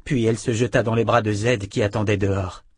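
An audiobook narrator reads a novel aloud in scripted narration, measured and even. His voice is fairly low and slightly rough, captured in a dry recording with clean studio sound.

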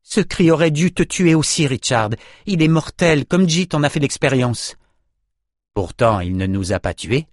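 A man reading an audiobook, voicing an incredulous, reproachful young woman companion in a somewhat higher voice. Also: lively intonation, normal speed, no room sound, studio quality, natural voice. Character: astonished young woman warrior, blunt and worried.

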